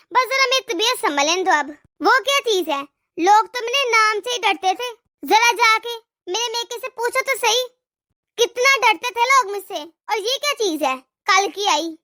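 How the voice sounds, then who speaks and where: A woman's voice: very high voice, pushed and bright, full character voice. A woman voicing a bossy, vengeful old mother-in-law in a cartoon who groans and scolds.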